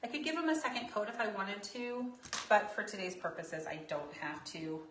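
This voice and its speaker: A woman's voice: medium pitch, moderate pace, background noise. Chatty woman in an echoey craft studio. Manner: chatty, rambling, jokey asides. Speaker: craft studio owner teaching painting. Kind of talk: casual craft tutorial. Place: her craft studio, indoors. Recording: echoey room, mic at a distance.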